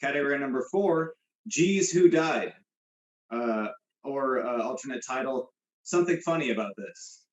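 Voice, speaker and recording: Casual male quiz host, halting and rambly, in an echoey room. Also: medium pitch, animated, highs cut off. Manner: rambling, many fillers and restarts. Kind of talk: casual comedy game show chat. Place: room with a guest beside him.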